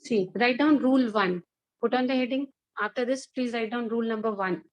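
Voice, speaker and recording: Higher-pitched Indian woman teaching a class. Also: a little fast, slight background noise, rough recording. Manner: instructing, repeats herself and checks with questions. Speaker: school English teacher.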